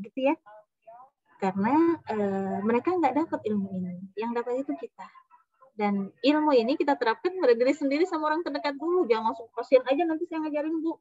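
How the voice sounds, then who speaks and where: A woman lecturer teaching a class, talking lively and acting out short quoted voices. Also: a little high, no echo, lo-fi sound. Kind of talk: university lecture.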